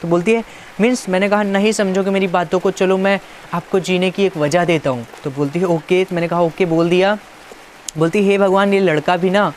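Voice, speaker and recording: A man's voice: high voice, fairly even intonation, fairly quick, a little hiss or hum. Joking man reading out a chat. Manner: playful, teasing, reads chat lines aloud. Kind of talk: casual joking commentary.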